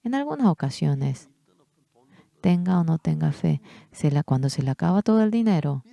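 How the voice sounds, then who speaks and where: A man preaching a sermon, reading scripture aloud and pushing his voice up high for emphasis. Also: big pitch swings, moderate pace, creaky, mellow, no room sound. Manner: preaches with sudden high-pitched emphatic bursts.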